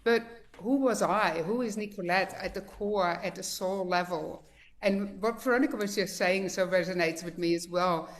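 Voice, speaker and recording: Speaking at a moderate pace in a medium-pitched voice, a woman in her fifties from the Netherlands shares her personal story as a guest on a video call. Her accent is a mixed Dutch one, and her chatty, heartfelt telling is full of fillers.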